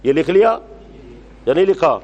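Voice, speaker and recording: A religious teacher, lecturing a class, repeating phrases slowly for dictation and scolding students brusquely. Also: male voice, on the high side, very animated, highs cut off. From Pakistan.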